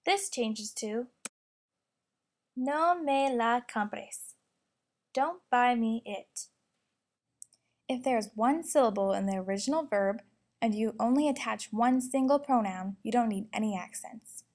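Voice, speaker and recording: A young woman slowly and carefully reading out a lesson, explaining grammar and its examples. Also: on the high side, a little mellow. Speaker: student presenter. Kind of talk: instructional narration.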